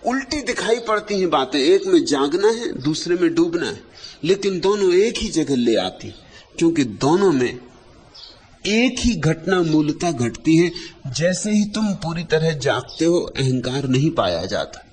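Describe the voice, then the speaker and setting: A man giving a spiritual discourse as a teacher, speaking in short, lyrical phrases with long pauses and repeated lines for emphasis. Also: fairly high pitch, sing-song, darkish tone, slight background noise.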